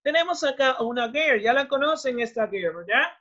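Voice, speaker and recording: Speaking with a Peruvian Spanish accent, a woman with a high, animated, somewhat bright voice teaches an online English class at a moderate pace. She switches between Spanish and English and keeps repeating words of praise, all over muffled video call audio.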